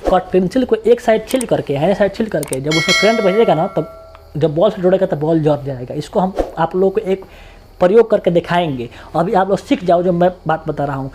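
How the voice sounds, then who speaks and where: Male tutor, Bihari accent, rapid colloquial exam-prep lesson, repeats points to drill them. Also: high-pitched, background noise.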